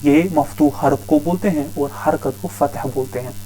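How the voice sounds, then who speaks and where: A man's voice: on the high side, moderate pace, dark tone, soft background music, rough recording. A man teaching a grammar lesson, patiently repeating each term several times. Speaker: Arabic teacher.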